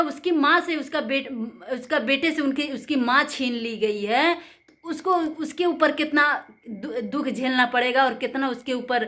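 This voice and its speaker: A woman's voice: high-pitched, fairly bright tone. A woman hosting her own channel, talking indignantly and at length in a rambling, emphatic way. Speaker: channel host. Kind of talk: angry commentary vlog.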